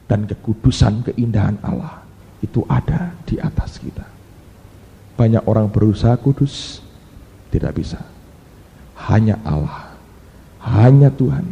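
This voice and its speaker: A male pastor delivers a sermon in an animated way, breaking into sudden exclaimed cries. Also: fairly low pitch, unhurried, creaky, long pauses, long reverb tail, lo-fi sound, slight background noise.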